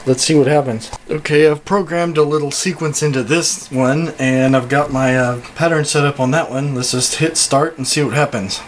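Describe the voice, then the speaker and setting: Speaking at normal speed with few pauses, a synth reviewer demos and casually reviews gear in a home studio stocked with synthesizers. His voice sits a little high and keeps a steady tone, while synthesizer and drum machine music plays behind him.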